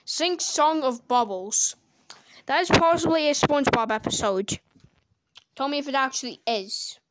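A woman giving casual reaction commentary on videos, blunt and crude, swearing freely with sudden loud outbursts, into a desk microphone. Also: high voice, animated, unhurried, slight background noise.

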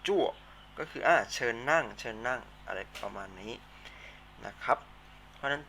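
A man's voice: mid-range voice, lively intonation, normal speed, vocal fry, sharp tone, slight background noise. A Thai-accented male teacher explaining vocabulary in a patient classroom lesson, repeating words for students to say back. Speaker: Chinese teacher.

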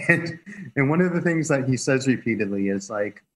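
Over a remote video call, a man with a medium-pitched voice speaks at a normal speed as a guest expert. He explains history in a relaxed manner, chuckling as he goes.

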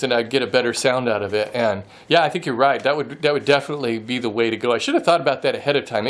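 A man's voice: mid-range voice, fairly bright tone. A man in his forties, a woodworking channel host, chatting casually and laughing often while holding the camera at arm's length in his home wood shop. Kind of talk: casual vlog chat. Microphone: handheld camera at arm's length.

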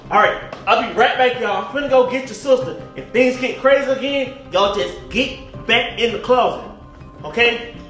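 A man playing a dad in a casual acted family skit, calling out loudly to his kids. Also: very high voice, normal speed. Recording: echoey room with music behind.

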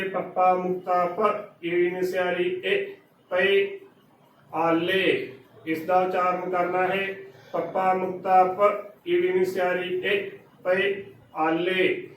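A man with a Punjabi accent patiently teaches pronunciation, breaking each word into its letters. His voice sits high and even, with a slow, deliberate pace. He sounds set back from the mic in an echoey room with faint background noise. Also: recorded from a distance. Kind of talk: slow methodical spelling-out lesson.

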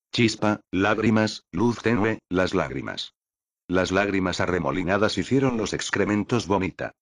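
Low and deep, a man's voice delivers audiobook narration at a slow, measured, steady pace. It is recorded close and dry, with no room sound at all.

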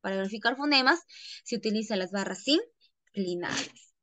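A woman's voice: mid-range voice, expressive, normal speed, bright, forceful tone, dry recording. A woman teacher giving an online lesson, often checking in with her students by asking "¿ya?" and calling them "chicos".

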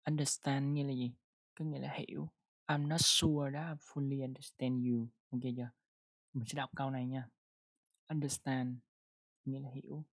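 An English pronunciation teacher in a casual online lesson, who repeats words and reads English example sentences slowly. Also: medium pitch, level tone.

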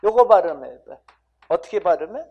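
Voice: medium pitch, animated, fairly quick, a little mellow, husky, dull audio. An English grammar teacher giving an exam-prep lecture in casual speech, coaxing students to repeat sounds and constantly checking in with "right?". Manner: casual banmal, keeps asking students "right?".

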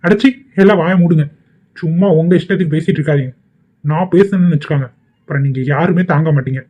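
A hot-tempered young husband in a cartoon, voiced by a man issues stern warnings. The voice sits a little high, and the sound is dull and lo-fi. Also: fast, slightly rough.

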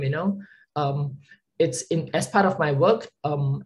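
Speaking with a deep, slightly mellow voice over poor audio, a Singaporean woman presents as a consulting partner on a webinar held by video call. Her talk is loose and conversational, full of filler words like "um" and frequent "right?" tag questions.

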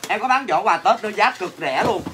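A man's voice: high-pitched, animated, a little fast, fairly bright tone. Brash Southern Vietnamese man hawking snacks. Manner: brash, teasing, answers viewer comments mockingly. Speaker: livestream seller. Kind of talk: comic livestream sales banter. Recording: noisy with clattering dishes.

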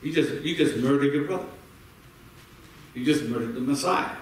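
A man's voice: mid-range voice, normal speed, a little hiss or hum. A man preaching a sermon to a congregation, repeating words as he builds each point and calling for responses. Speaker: pastor. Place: church sanctuary. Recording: echoey sanctuary from far off.

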